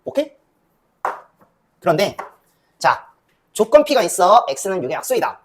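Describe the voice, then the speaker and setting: Lively woman math teacher lecturing. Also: mid-range voice, takes it slowly, slight background noise. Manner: lively, asks and answers her own questions. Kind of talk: classroom lecture.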